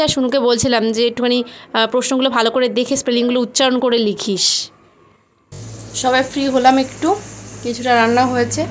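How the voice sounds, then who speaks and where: A woman's voice: fairly high pitch, a bit bright. A mother and home vlogger telling viewers about her busy day in a chatty, rambling voice-over. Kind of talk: casual voice-over narration of a daily routine.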